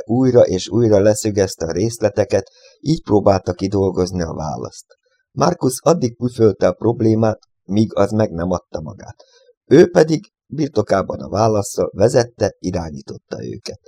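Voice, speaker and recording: A male audiobook narrator with a low, gravelly voice and a dark, mellow tone. His reading is expressive, with a lively pitch. The sound is dry and close to the mic. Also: dry recording. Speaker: audiobook reader.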